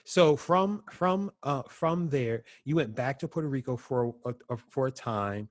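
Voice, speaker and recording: A man's voice: mid-range voice, measured pace, no echo, clean studio sound. A man hosting an interview show, introducing his guest and asking questions in an upbeat, conversational way. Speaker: host.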